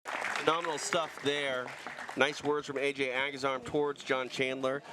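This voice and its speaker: A man's voice: medium pitch, little pitch movement, normal speed, a crowd in the background, noisy background. A man calling a live grappling event as play-by-play commentator, upbeat and tossing to the mat announcer.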